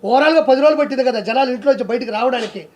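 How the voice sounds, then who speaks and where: A man's voice: very high voice, rapid-fire. A man delivering a heated, accusing political rant, full of scornful rhetorical questions. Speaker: political commentator.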